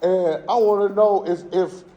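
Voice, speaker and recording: High-voiced insistent man at a school door. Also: steady tone, measured pace, dark tone, highs cut off, slight background noise. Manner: insistent, repetitive, casual slang. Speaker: parent visiting a school. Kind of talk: heated confrontation, self-recorded. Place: outside a school entrance. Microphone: his own phone recording.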